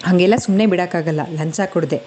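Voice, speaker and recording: A playful young groom who teases his bride-to-be, read by a woman in her own low, mellow voice. The storybook reading keeps an easy, teasing warmth in a somewhat low pitch. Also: fairly quick, slight background noise, natural voice.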